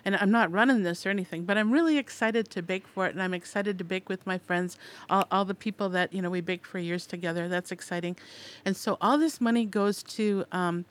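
A woman's voice: mid-range voice, brisk. A middle-aged woman co-hosting a radio food show, chatting casually with lots of fillers and easy laughs.

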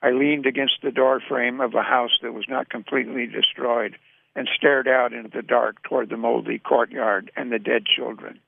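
Gravelly man reading on tinny radio. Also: mid-range voice, steady tone, dry recording. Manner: measured, sombre reading. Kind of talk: literary reading. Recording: tinny, dry radio sound.

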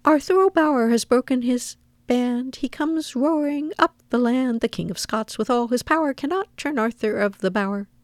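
Woman voicing Squirrel Nutkin, a high, singsong cheeky squirrel. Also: moderate pace, few pauses, dry recording, natural voice. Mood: impudent, gleeful. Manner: singsong, taunting rhyme. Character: cheeky, impudent young male squirrel singing riddles. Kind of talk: storybook character reading.

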